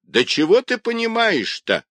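A man voicing an old woman teahouse keeper in her sixties or more, shrill and scolding. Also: very animated, unhurried, fairly bright tone, no echo.

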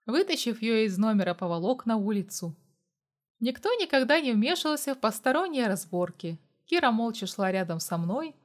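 Woman reading a story aloud. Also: on the high side. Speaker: narrator. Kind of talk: first-person story reading.

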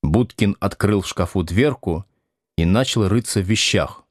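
A man reading a novel aloud as an audiobook narrator, expressive and voicing the dialogue. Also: deep voice, moderate pace, no echo, studio quality. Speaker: audiobook reader. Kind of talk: scripted narration.

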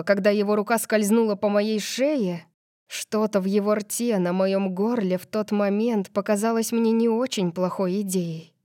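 A woman's voice: medium pitch, dark tone, dry recording. Woman reading an audiobook, dry close sound. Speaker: audiobook narrator. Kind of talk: first-person audiobook narration.

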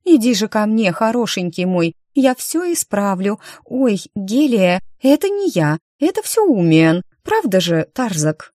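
A gushing young woman in an audiobook fantasy story, voiced by a woman reader, her voice lifted high and eager. She coos and fusses over a beloved cat. The recording is close and dry. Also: sing-song, measured pace, few pauses, a little mellow, no echo. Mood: cooing. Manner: cooing and fussy.

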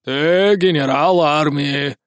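A slow, low-voiced president who hands down orders with heavy authority, as a man reads him. The voice sits lower than the narrator's own tone and stretches out every phrase. The recording is close and dry. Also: smooth, no echo. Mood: commanding. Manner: slow, low, commanding drawl. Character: slow gruff male president, imperious.

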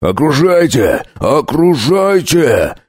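A man playing a mocking, brutal werewolf bandit leader who talks slowly and sneers. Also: on the high side, very animated, husky, no room sound, studio quality, voice pushed up, heavily acted. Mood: sneering. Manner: slow, sneering, gloating.

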